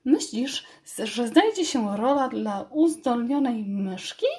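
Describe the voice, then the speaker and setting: Squeaky, showy storybook mouse, very high and bold, put on by a woman reading aloud. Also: expressive, takes it slowly, warm tone. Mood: theatrical. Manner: squeaky, dramatic. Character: vain theatrical little female mouse.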